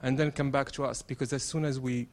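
A man's voice: medium pitch, flat delivery, fast, darkish tone. A man from Morocco in the audience, a campaigner asking a question hesitantly, with many fillers.

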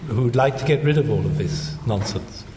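A man's voice: medium pitch, fairly quick. Male panelist, blunt and wry, echoey hall with audible room noise. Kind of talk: panel discussion answer. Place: large hall.

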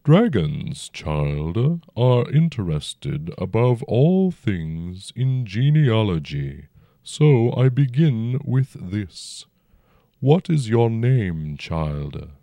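A man voicing a huge, very old and noble dragon who speaks slowly and formally with a rumbling tone. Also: big pitch swings, dark tone, dry recording, heavily acted. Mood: stately, probing. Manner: slow, stately and formal, old-fashioned speech. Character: ancient noble dragon, huge, calm and probing.

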